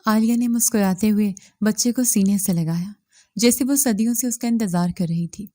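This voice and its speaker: Woman narrator, steady scripted storytelling, mellow dark voice, dry close recording. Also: medium pitch, no echo.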